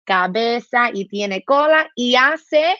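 An animated woman speech therapist with a slightly high voice, acting out animal sounds and mixing in English words. The sound is dull and lo-fi, with a very dry, close feel. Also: slow pace, no echo. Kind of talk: explaining with demonstrations.

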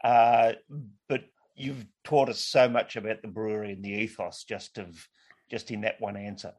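A man hosting a podcast interview, chatty and self-deprecating in his questions. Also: mid-range voice. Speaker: podcast host.

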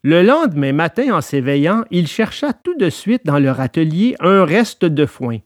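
A man narrating a storybook in an expressive, lively way. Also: on the high side, normal speed, no echo, clean studio sound.

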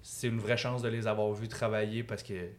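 A man's voice: lowish voice, flat delivery, brisk. A young man with a Quebec French accent chatting casually as a comedian guest, in loose colloquial slang. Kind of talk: casual podcast chat.

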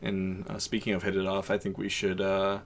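Male podcast host, casual chat: deep voice, faint background noise. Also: completely flat delivery, fairly quick.

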